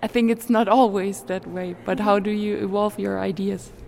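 A woman's voice: mid-range voice, fairly even intonation, normal speed, vocal fry, a little mellow. Casting: female interviewer, curious and conversational, faint ambient noise. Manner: curious, rephrases her questions. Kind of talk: interview questions.

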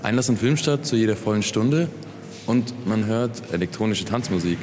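A man's voice: on the low side, normal speed, darkish tone. A man interviewing students in a chatty way, with joking asides. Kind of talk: casual street interview. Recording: background noise.

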